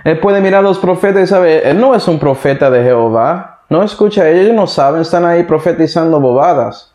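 A man's voice: fairly high pitch, animated, brisk, darkish tone. Man preaching from the Bible in an echoey room. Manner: reads verses and breaks in with comments and "¿sí ve?". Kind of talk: sermon with Bible reading.

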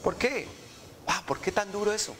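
Animated high-voiced male preacher. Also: normal speed, slight background noise. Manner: animated, acts out quotes with mocking voices. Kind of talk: sermon.

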